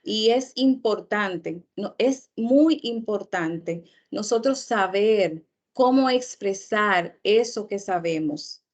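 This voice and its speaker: Female speaking coach, unhurried lecture delivery, middle pitch, emphatic repetition of terms. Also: lively intonation. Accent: Latin American Spanish. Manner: slow, deliberate, repeats key terms for emphasis. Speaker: public speaking instructor. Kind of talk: online workshop lecture.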